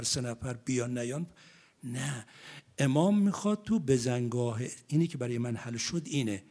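A man preaching a religious sermon, slowly chanting verses, moving between soft murmurs and loud impassioned outbursts in a mosque hall. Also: mid-range voice.

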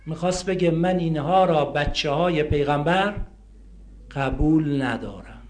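A man preaching a sermon, swinging from loud impassioned outcries to hushed storytelling. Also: high-pitched.

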